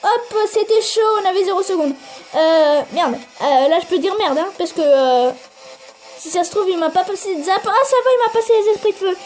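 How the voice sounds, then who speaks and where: A woman giving excitable live gameplay commentary, swearing and urging the game on while talking straight to her viewers. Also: very high-pitched, fairly quick, faint music behind. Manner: addresses viewers directly. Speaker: gaming video creator.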